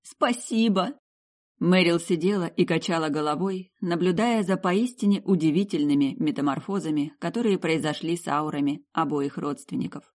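A woman reading an audiobook narration in a measured, even way. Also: sits low.

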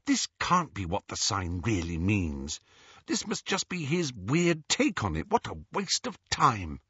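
A man reading an audiobook, voicing a clever teenage girl who sounds brisk, weary and sceptical. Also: medium pitch, huge pitch swings, a bit bright, husky, no echo, pitched above the performer's own voice, full character voice. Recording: dull, dry audiobook recording.

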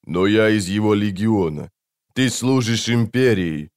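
A man playing a wary male mage who gives short, curt replies in a fairly low voice, for an audiobook. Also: animated, a little slow, a little mellow. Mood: tense.

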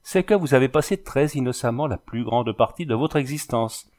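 A man's voice: mid-range voice, lively intonation, normal speed, darkish tone, close to an everyday voice. A man voicing an anxious, bookish young husband in a storybook reading, pressing with urgent questions. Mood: agitated.

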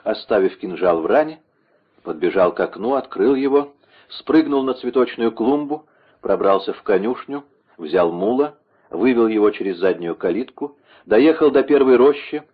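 A man narrating an audiobook in a measured, dramatic storytelling voice. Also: mid-range voice, husky. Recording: dull lo-fi recording.

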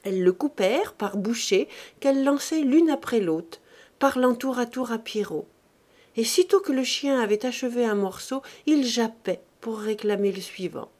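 A woman narrating a classic short story in a measured, dramatic storytelling reading. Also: fairly high pitch, animated, darkish tone. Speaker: audiobook narrator. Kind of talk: scripted narration.

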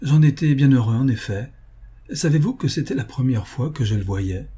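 A man reading as a witty young gentleman who teases his companions with playful tall tales. The voice is dark and husky in a novel read aloud. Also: medium pitch, expressive, normal speed. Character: young Englishman, witty and teasing.

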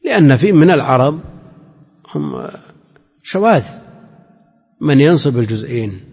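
A man's voice: medium pitch, very animated, normal speed, creaky, a little mellow, slightly rough. A man, a religious scholar, giving a classroom lecture and explaining grammar point by point. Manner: explains grammar point by point, chanting quoted phrases. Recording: long hall reverb.

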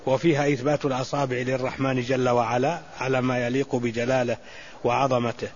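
A man teaching as a sheikh, giving a classical religious lesson and explaining slowly with repeated words and restarts. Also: mid-range voice, flat delivery. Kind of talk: classical Islamic lesson commentary. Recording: muffled lo-fi recording with faint hiss.

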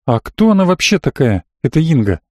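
A man's voice: fairly high pitch, sing-song, fairly quick, no room sound, studio quality. A man reading the part of a worried young male companion in an audiobook, with a grumbling tone. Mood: curious. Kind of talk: audiobook narration.

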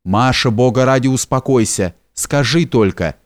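A man's voice: medium pitch, moderate pace, no room sound, lightly acted. Urgent frightened nobleman in love read by a man, close dry sound. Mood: pleading. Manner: pleading, urgent.

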